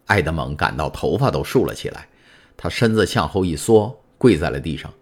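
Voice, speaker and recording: A man narrates a classic novel as an audiobook. His voice is very low yet swings widely in pitch. The delivery is measured and expressive. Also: breathy edge.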